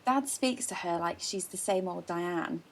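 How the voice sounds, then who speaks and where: A young actress playing a shy teenage girl in first love, hesitant, soft and self-deprecating. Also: fairly low pitch, measured pace, a little hiss or hum. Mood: tender. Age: young adult. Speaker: student actor. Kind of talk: stage drama dialogue.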